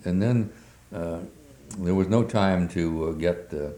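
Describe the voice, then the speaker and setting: An older man recalling his wartime past in an oral history interview, speaking haltingly with many fillers. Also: deep voice, warm tone. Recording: roomy echo.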